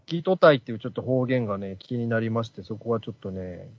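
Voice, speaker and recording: A man co-hosting a casual chat podcast, telling stories quickly and playfully mimicking dialects. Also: on the low side. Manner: quick, animated storytelling with playful impressions of dialect. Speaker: podcast co-host. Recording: dull, dry podcast audio.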